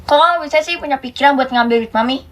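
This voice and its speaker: A woman's voice: high-pitched, quick pace, a bit bright, a little hiss or hum. A woman voicing a stern mother who scolds her child sarcastically. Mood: scolding.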